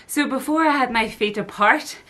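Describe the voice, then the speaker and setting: A woman's voice: high-pitched, moderate pace, bright, forceful tone. A young woman vlogging casually, chatty and full of fillers as she explains a workout move step by step. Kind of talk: casual fitness vlog talk. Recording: echoey room, voice from far off.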